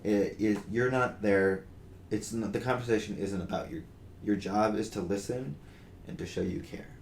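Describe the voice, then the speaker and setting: A young man co-hosts a podcast, discussing things casually and earnestly with many fillers and restarts. His lowish voice runs at normal speed, and the recording is roomy with faint noise.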